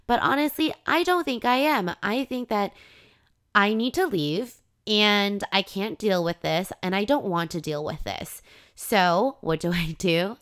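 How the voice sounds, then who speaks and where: A woman's voice: medium pitch, fairly bright tone. A young adult woman hosting a podcast, telling a personal dating story in a candid, casual way with some swearing. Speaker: podcast host.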